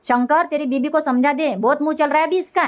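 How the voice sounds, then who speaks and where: A woman's voice: high-pitched, brisk, natural voice. A woman voicing a nagging middle-aged village mother-in-law in a cartoon, scolding and complaining.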